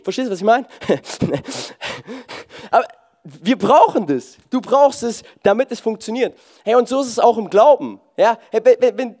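A man with a high voice preaches in a loose, joking way. He keeps throwing in "hey" and swings between loud bursts and soft, slow lines. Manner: casual, jokey, peppers talk with "hey". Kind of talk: lively sermon.

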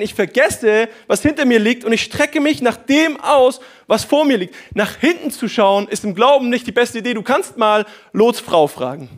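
A man preaching a sermon, reading Bible verses and speaking straight to his listeners with lively asides. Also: sits high.

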